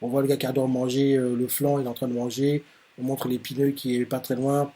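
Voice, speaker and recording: Mellow-voiced man retelling a manga. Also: mid-range voice, flat delivery, fairly quick. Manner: rambling, full of fillers and restarts. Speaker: manga reaction host. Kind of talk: casual retelling of a manga chapter.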